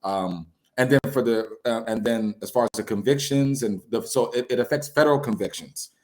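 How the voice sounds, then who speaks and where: A young man co-hosting a casual chat over a video call, relaxed and agreeable. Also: mid-range voice, fairly quick. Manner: relaxed, agreeable, short affirmations. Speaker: co-host. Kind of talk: casual conversation.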